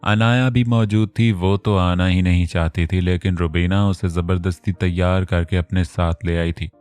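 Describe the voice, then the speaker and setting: Deep-voiced man narrating an audio novel. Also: normal speed, clean tone, faint music behind. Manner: steady storytelling.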